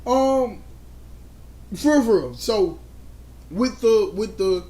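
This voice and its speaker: A man co-hosting a live talk show, loud and laughing, saying he is drunk. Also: sits high, lively intonation, extremely slow. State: tipsy. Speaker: podcast co-host. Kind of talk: casual live-show banter.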